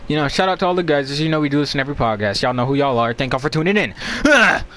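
A man's voice: on the high side, expressive, very fast, pushed and bright, a little hiss or hum. A young man co-hosting a podcast in casual, slangy banter, repeating himself for emphasis. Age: young adult. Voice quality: slangy speech. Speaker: podcast co-host.

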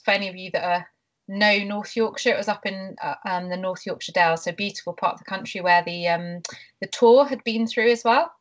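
A woman's voice: on the low side, a bit bright. A woman, a nutritionist and triathlete, talking casually as an interview guest, hesitant with many fillers and restarts. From England.

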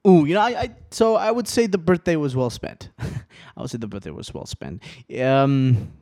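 A man's voice: a little high, moderate pace, mellow. A man in his twenties hosting a podcast, rambling casually, swearing a lot and laughing often. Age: 20s. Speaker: podcast host.

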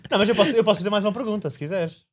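A man's voice: high-pitched, racing, slight background noise. A man with a European Portuguese accent co-hosting a podcast, putting insistent, slangy questions in casual chat. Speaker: podcast co-host.

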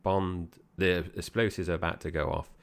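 A man's voice: low voice, level tone, normal speed. A man co-hosting a podcast, chatting casually about a film and addressing his co-host directly. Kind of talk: casual film review chat.

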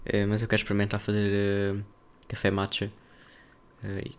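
Low, even-toned young Portuguese man. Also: measured pace, clean tone. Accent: European Portuguese. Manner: rambling, slangy, thinking aloud. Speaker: podcast host. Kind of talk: casual solo podcast chat.

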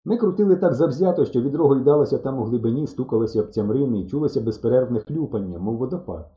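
A man reading a children's adventure story aloud with animated, boyish expression. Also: mid-range voice, fast. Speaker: audiobook narrator. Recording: dull, roomy lo-fi recording.

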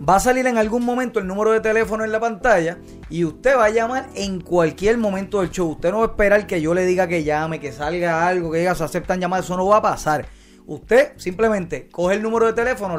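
Guy hosting, high voice, jokey slangy chat, bit of music under it. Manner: joking, slangy, lively. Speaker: talk show host. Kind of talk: casual interview chat.

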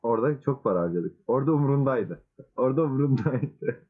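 A man's voice: mid-range voice, animated, quick pace, breathy edge. Teasing male podcast host on a tinny line. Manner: playful teasing. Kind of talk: casual chat. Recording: tinny phone-like sound.

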